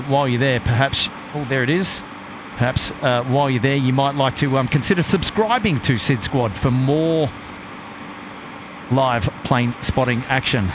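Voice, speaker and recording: A male live stream host gives casual commentary in a mid-pitched voice. He rambles in a matey, hesitant way over clearly noisy outdoor audio.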